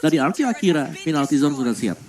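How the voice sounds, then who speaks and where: A man's voice: fairly high pitch, sing-song, fast, far from the mic, a crowd in the background. A man giving analytical live commentary on an esports match as one of the casters.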